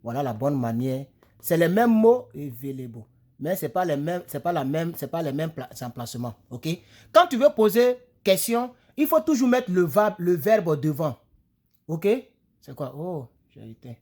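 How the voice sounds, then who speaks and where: A man's voice: fairly high pitch, sing-song, a little mellow. Rambling man teaching English on a phone. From French-speaking. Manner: rambling, repeats himself, lots of "voilà" and "ok"; slows right down to spell out English phrases. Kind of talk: casual lesson talk. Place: home, filming on a phone in front of him. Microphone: phone camera close in front.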